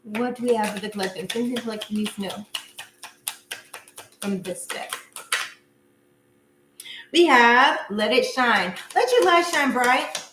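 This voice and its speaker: A woman's voice: fairly high pitch, a little slow, pauses often. Chatty woman reading tarot live. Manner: chatty, casual, laughs often and talks to viewers. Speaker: tarot reader. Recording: echoey room with faint noise.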